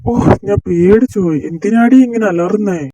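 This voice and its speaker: Teasing college senior in an amateur dub drama, voiced by a young man: mock-scolding banter, mellow and dry. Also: sits high, moderate pace, no echo, natural voice, poor audio. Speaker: fan dub voice actor. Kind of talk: amateur dubbed romance drama.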